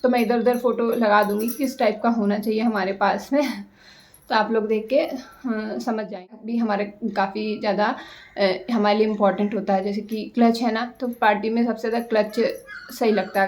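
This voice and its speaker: A young woman giving casual style and confidence advice to her viewers, chatty and unhurried, pausing often on fillers. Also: medium pitch. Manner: chatty, hesitant with many fillers; tries to talk slowly and calmly. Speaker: vlogger. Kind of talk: casual advice talk to camera.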